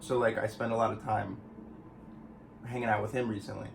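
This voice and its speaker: A man's voice: lowish voice, level tone, fairly quick, gravelly, background noise. A young man chatting casually as a guest on his girlfriend's vlog, laid-back and rambling, with restarts. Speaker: boyfriend guest. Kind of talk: casual chat.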